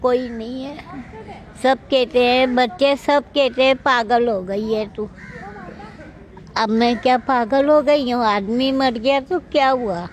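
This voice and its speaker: A woman's voice: a little high, takes it slowly, a little hiss or hum, rough recording. A woman in her seventies, speaking plaintively and with resignation, interviewed outdoors at a railway station. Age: 70s. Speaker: stranded elderly interviewee. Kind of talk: street interview.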